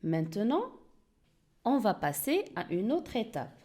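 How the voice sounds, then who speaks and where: A woman teacher giving an early-reading lesson, speaking slowly and clearly and repeating each word for learners to echo. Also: mid-range voice, very animated, dark tone. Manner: slow, clear, repeats words for pupils to echo.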